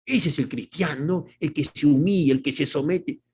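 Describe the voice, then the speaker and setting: A man's voice: on the high side, moderate pace, a little mellow, breathy edge. A man preaching a sermon as pastor, talking emphatically and directly to the congregation with many rhetorical questions.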